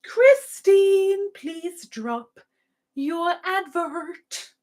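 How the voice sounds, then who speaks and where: Extremely slow yet animated, this livestream host speaks in a very high-pitched, slightly mellow voice. She keeps the live chat casual and playful, with sing-song asides, while reading viewers' adverts and notices aloud.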